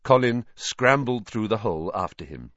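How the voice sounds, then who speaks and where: A man reading an audiobook in scripted narration, expressive and voicing the characters. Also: on the low side, moderate pace, dry recording, muffled recording.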